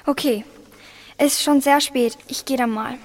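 Naive farm boy, teen girl, high, curious. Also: steady tone, moderate pace, no room sound. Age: teens.

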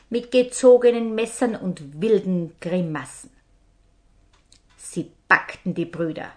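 Slow dramatic woman storyteller. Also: medium pitch, fairly bright tone. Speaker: herb show host telling a fairy tale. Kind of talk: storytelling narration.

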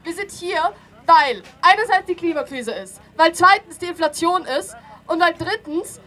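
Young woman, rally speaker, very high voice, halting restarts, heard through a faulty, poor-quality loudspeaker. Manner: repetitive, breaks off and restarts phrases. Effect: poor-quality sound from a faulty loudspeaker system. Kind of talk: protest speech at a street demonstration.

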